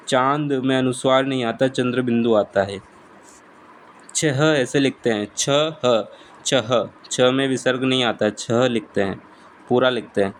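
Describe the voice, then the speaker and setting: Slow, deliberate male Hindi teacher. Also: mid-range voice, a little hiss or hum, low-quality recording. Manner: repeats each word slowly and deliberately. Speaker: exam prep teacher. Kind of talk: slow spelling lesson.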